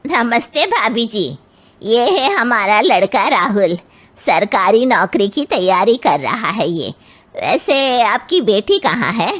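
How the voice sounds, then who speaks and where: A woman voicing a bossy, traditional mother-in-law in an animated moral story, probing and domineering. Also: on the high side, slow, full character voice. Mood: haughty, probing.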